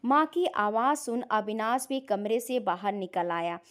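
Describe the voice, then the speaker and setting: A woman reading out a family drama story in a steady, expressive storytelling manner. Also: medium pitch, a little slow. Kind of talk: scripted narration.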